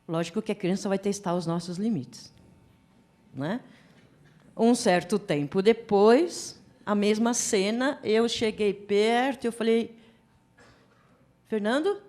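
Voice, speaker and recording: A woman giving a psychology lecture at a forum, chatty and animated, acting out little scenes as she talks. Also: medium pitch, unhurried. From Brazil. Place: lecture hall.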